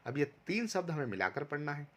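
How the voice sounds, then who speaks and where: A man's voice: fairly high pitch, sing-song, brisk, a bit bright. A man teaching a recorded online lesson to first graders, patiently going step by step and sounding out syllables for pupils to repeat. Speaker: primary school teacher.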